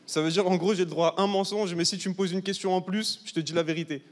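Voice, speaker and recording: A man's voice: sits high, steady tone, fast. A young man in his twenties from southern France doing a brash, chatty stand-up set and teasing a large live audience. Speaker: stand-up comedian. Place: large live comedy hall, audience of 800. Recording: live hall with reverb and faint ambience.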